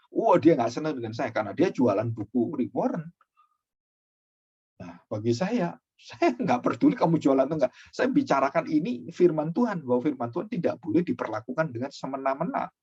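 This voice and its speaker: A male pastor preaches with a husky voice that swings widely up and down in pitch. He keeps turning to his listeners and addressing them directly. The recording sounds dull and lo-fi. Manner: animated preaching, often addressing listeners as brothers and sisters. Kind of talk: sermon.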